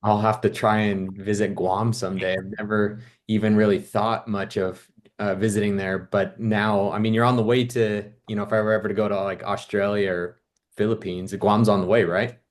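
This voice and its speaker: A man's voice: lowish voice, little pitch movement, normal speed. A man interviewing a guest in a casual, upbeat, encouraging way.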